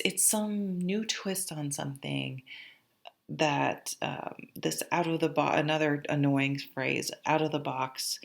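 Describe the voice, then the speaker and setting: A woman's voice: deep voice, vocal fry. A woman giving a casual, conversational tarot horoscope reading, rambling informally with offhand asides. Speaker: tarot reader, channel host.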